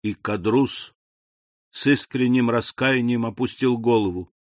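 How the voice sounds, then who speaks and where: A man narrating a classic novel in a measured, expressive audiobook reading. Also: mid-range voice, no echo.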